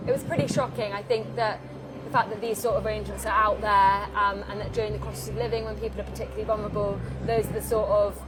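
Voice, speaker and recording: Woman, rapid speech, even pitch, unscripted reporting, loud traffic outdoors. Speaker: undercover reporter. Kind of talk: unscripted reaction to camera. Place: outdoors in town.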